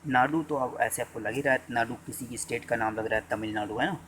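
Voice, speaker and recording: A male teacher gives an exam-prep lecture, repeating phrases and dictating them slowly for students to note. His pitch sits in an ordinary middle range. A faint noise runs under the recording. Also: a bit bright, rough recording.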